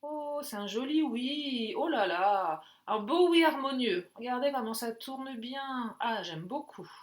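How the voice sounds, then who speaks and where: A woman's voice: fairly high pitch, lively intonation, unhurried. A woman doing a casual card reading, chatty and jokey, thinking aloud with many fillers. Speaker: tarot and oracle card reader.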